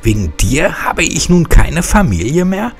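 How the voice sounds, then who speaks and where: A man's voice: fairly high pitch, very animated, a little slow, soft background music, voice pushed up. A man voicing a furious, grieving young woman who screams insults. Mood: accusing.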